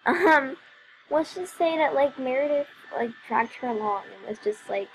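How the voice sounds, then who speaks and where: A woman's voice: high voice, expressive, moderate pace, slight background noise, poor audio. A woman giving rambling, apologetic commentary on her gameplay, her voice worn out from talking all day. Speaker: let's play commentator.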